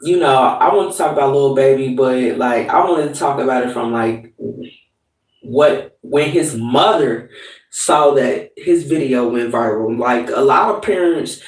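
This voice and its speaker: A man's voice: mid-range voice, measured pace. Loose-talking man in an echoey bathroom. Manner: loose and profane, rambling with fillers. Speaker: host of a livestreamed talk show. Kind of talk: casual monologue to live viewers. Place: his bathroom at home. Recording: hollow echoey room, distant mic.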